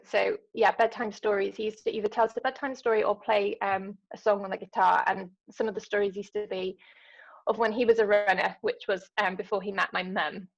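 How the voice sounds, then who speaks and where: A woman's voice: mid-range voice, creaky, highs cut off. A woman from London, a podcast guest talking casually and hesitantly, with lots of ums and restarts. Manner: hesitant, many ums and restarts, laughs easily. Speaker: podcast guest, ultra runner. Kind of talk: casual interview chat.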